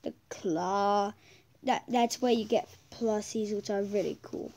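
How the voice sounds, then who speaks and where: A woman's voice: mid-range voice, measured pace, a little mellow. A woman giving casual gameplay commentary, chatty and profane, often restarting her sentences. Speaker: game commentator.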